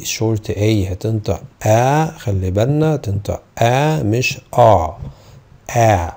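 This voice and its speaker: The voice is male, on the low side, gravelly and dark. He's an Egyptian Arabic-accented teacher leading an online English phonetics lesson, elongating model words and repeating each one several times.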